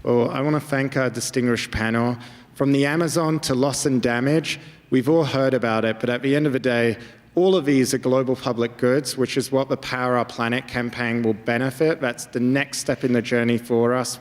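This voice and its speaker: Male panel moderator, mid pitch, brisk and upbeat, live event hall. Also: fairly even intonation.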